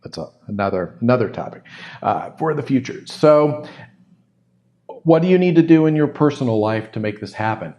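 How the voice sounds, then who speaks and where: A man's voice: mid-range voice, animated, moderate pace, warm tone. Thoughtful male podcast host, slightly muffled. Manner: thoughtful, repeats words while thinking. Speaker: podcast host answering a listener question. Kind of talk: solo podcast monologue. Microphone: studio microphone close to the mouth.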